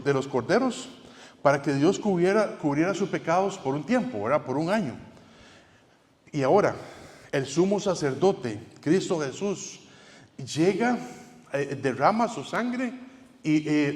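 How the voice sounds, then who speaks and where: A man preaching a sermon as pastor, in a conversational way with frequent restarts and tag questions. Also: on the high side. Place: church sanctuary. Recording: church hall with long reverb.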